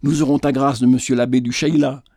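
A man reading as a gruff country lord who scolds with rough affection. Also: medium pitch, fairly even intonation, brisk, warm tone, dry recording, studio quality, lightly acted.

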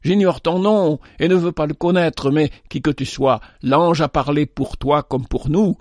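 A man's voice: a little high, a little slow, darkish tone, no room sound, close to an everyday voice. Cast: a man playing a kindly shepherd, earnest and pleading, a touch raised, storybook reading, dry sound. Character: kindly devout male shepherd, earnest and warm-hearted.

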